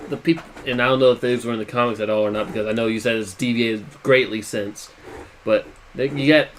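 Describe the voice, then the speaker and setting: A man's voice: medium pitch, fairly even intonation, fast, slight background noise. Male podcast co-host, playful and teasing, loose banter. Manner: joking, teasing.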